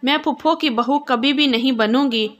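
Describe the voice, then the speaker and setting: Casting: a woman reading as a sharp, defiant young woman, slightly high voice, storybook read-aloud. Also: lightly acted. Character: angry young woman refusing a marriage.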